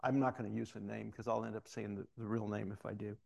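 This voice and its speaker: Preaching quickly with a lowish, creaky, darkish voice and little pitch movement, a middle-aged man recounts a personal story. He voices each character he quotes, slipping in asides along the way.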